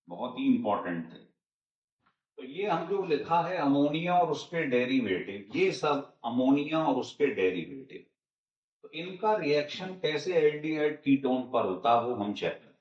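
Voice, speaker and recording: Slow-talking man teaching chemistry. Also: medium pitch, animated. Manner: repetitive step-by-step explaining, asks and answers himself. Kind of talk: classroom lecture. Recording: roomy, distant and dull-sounding.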